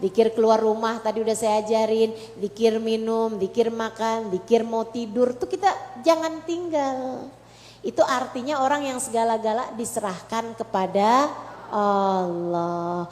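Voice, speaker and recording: A woman preacher talks to a room of women in a chatty, intimate way and slips into acting out heartfelt prayers. Her voice sits fairly high. The sound rings with the long reverb of a big echoey hall. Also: unhurried, darkish tone. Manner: conversational, acts out heartfelt prayers. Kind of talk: Islamic sermon to women.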